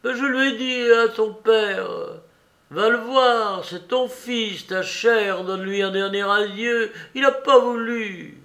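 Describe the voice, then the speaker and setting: Heartbroken old mother, high and tearful, pleading, as read by a male narrator. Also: takes it slowly, bright, forceful tone, exaggerated voice.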